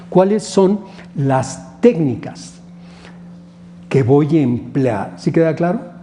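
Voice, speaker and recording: Didactic man with a dark, mellow voice. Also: a little high, a little hiss or hum. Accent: Mexican Spanish. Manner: didactic, asks rhetorical questions and answers them. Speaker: instructor. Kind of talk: recorded lecture on research methodology.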